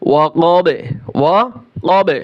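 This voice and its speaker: A man leads a recitation lesson, sounding out each word letter by letter before chanting it. His voice sits somewhat high, and he moves at a very slow, deliberate pace. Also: muffled recording. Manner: spells each word syllable by syllable, then chants it slowly. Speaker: Quran recitation teacher.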